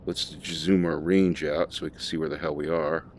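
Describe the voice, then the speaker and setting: A man's voice: very deep voice, level tone, normal speed, slight background noise. A man casually talking through a flight simulator session, thinking aloud with fillers as he flies. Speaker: flight sim streamer. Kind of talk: casual gameplay commentary.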